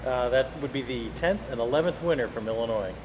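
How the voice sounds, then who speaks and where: A man's voice: medium pitch, fast talker, a little mellow. Man giving updates in a noisy, echoey hall. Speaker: co-host reading out chat and tallies. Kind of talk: casual live stream updates.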